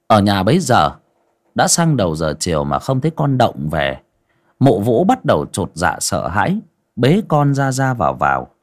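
A man narrating a ghost story in an expressive storytelling way. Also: lowish voice, moderate pace. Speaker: audiobook narrator.

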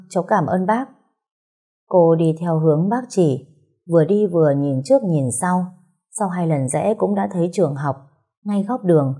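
A woman reading a story aloud in a calm, steady, gently sad way. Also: fairly low pitch, breathy edge. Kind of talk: scripted story narration.

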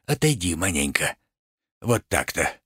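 A man's voice: low-pitched, sing-song, a little slow, a bit bright, slightly rough, no echo, clean studio sound, pitched below the performer's own voice, exaggerated voice. A man reading a play aloud, voicing a shrewd, stubborn merchant who talks with sly, homespun deference.

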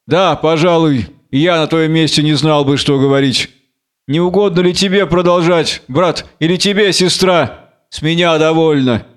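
Man voicing a contemptuous nobleman, cool, disdainful, smooth. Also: a little high, normal speed, natural voice. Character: handsome contemptuous young nobleman, detached.

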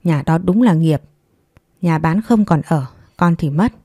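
A woman's voice: deep voice, measured pace, dark tone, dry recording, clean studio sound. A woman voicing a kindly, plain-spoken middle-aged aunt who talks in a homely, sympathetic way.

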